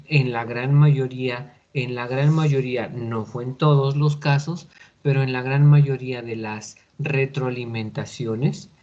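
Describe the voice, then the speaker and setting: Guy teaching english online, talks slow and careful, keeps asking ok?, muffled lo-fi call audio. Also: mid-range voice, steady tone, darkish tone. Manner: patient, deliberate explaining with repeated checks like "¿ok?". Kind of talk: recorded online class explanation. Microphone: computer mic on a video call. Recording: dull lo-fi video call recording.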